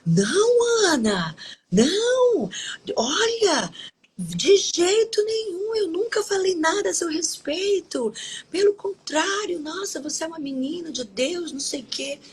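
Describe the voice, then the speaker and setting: A flustered woman coworker, voiced high and shrill, pleads that she never said a word, as a woman storyteller puts her on. The voice climbs far above the teller's own and comes out loud and insistent. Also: sing-song, a little slow, exaggerated voice. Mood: pleading denial.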